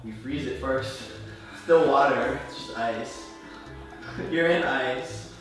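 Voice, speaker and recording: A man's voice: medium pitch, takes it slowly, fairly bright tone. A young man hosting a casual challenge video, quizzing and teasing playfully, recorded in an echoey room from a distance with music behind. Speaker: host.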